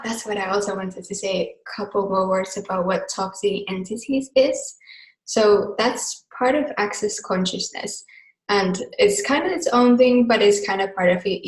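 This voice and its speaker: A Finnish-speaking woman runs a live online class as its facilitator, keeping things casual and chatty with easy laughter and wandering asides. Her medium-pitched voice comes through a video call mic in an echoey room, and the recording is rough.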